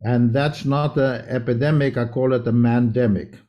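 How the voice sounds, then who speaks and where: A guest homeopath, born in South Africa and raised in Israel, talks in a conversational interview. His soft, dark voice sits at an ordinary middle pitch with fairly even intonation and normal speed, and he explains earnestly in long, winding answers.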